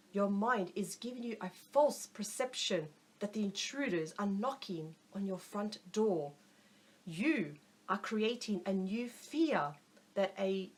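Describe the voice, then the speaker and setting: A woman voicing a calm female doctor in an audiobook narration, speaking in a steady, instructive and reassuring way. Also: medium pitch, slightly rough.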